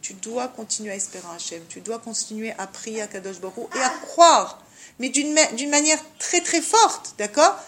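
Higher-voiced woman teaching a religious lesson. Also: normal speed. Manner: French peppered with Hebrew terms; didactic, frequent check-in questions.

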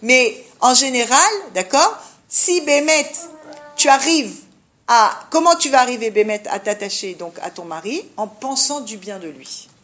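Higher-voiced woman teaching a religious lesson. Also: lively intonation, a little slow, a bit bright. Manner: French peppered with Hebrew terms; didactic, frequent check-in questions.

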